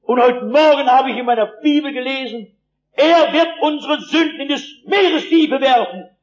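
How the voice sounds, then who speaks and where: Man doing a jubilant teenage street lad, high voice, bursting with joy, dull lo-fi old recording. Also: normal speed. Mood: excited. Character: jubilant sixteen-year-old Berlin street boy, newly converted.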